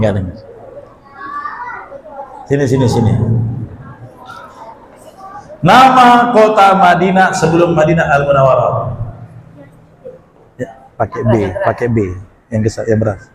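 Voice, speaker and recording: A man's voice: mid-range voice, very animated, measured pace, pauses often. A man preaching, running a joking quiz with the congregation and teasing and calling out to the crowd in a mosque hall. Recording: echoey hall, faint room ambience.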